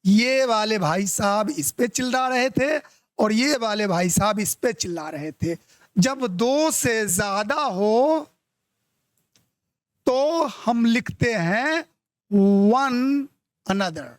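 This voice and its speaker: A male English teacher giving an exam-prep grammar lesson. He reads the test sentences out slowly, explains them quickly, and keeps checking that his students follow. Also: sits high, animated, no echo.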